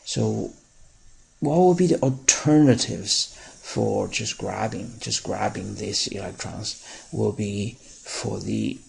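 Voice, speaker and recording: A man teaching chemistry in a recorded lecture, explaining step by step with pauses and fillers and stressing key words. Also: on the low side, darkish tone, poor audio. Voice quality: very gravelly and raspy.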